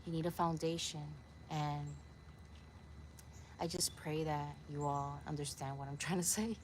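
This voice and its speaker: A woman's voice: low-pitched, steady tone, a little slow, darkish tone, slight background noise. A young woman from Puerto Rico talking to a camera set nearby in her backyard, earnest and a little preachy as she rambles. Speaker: vlogger. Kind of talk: casual talk to camera. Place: backyard outdoors.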